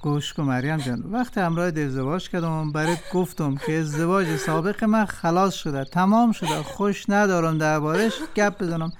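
A man with an Afghan Dari accent playing a husband who defends himself and tries to calm his wife in a drama. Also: on the high side, hardly any pauses, slight background noise, natural voice. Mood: placating. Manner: coaxing, defensive.

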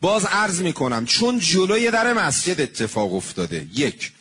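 A man giving an earnest sermon, telling stories and slowing down on devotional phrases. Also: high-pitched, big pitch swings, a bit bright, slight background noise. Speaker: religious preacher.

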